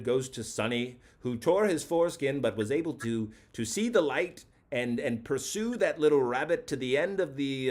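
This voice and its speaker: A man hosting a comedic call-in show, talking in a mock-grandiose, rambling way that circles back on itself. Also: mid-range voice. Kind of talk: comedic late-night call-in talk.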